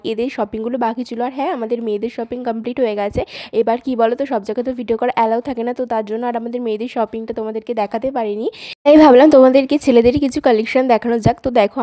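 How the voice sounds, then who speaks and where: A young woman with a hoarse voice from a cold, chatting to her viewers in a casual vlog voice-over. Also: on the high side, mellow. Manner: chatty, addresses viewers directly. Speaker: vlogger.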